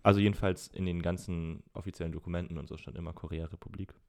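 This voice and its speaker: A young man with a very low voice co-hosts a podcast in easygoing conversation. He explains at length, pausing on fillers and restarting his sentences. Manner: relaxed, rambling explanations with many fillers. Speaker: podcast co-host. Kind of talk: casual chat.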